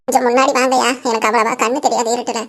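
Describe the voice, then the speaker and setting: A woman voicing a timid, half-blind old aunt in a cartoon, talking in a slow, fretful way. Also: a little high, little pitch movement, voice pushed down, natural voice. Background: music.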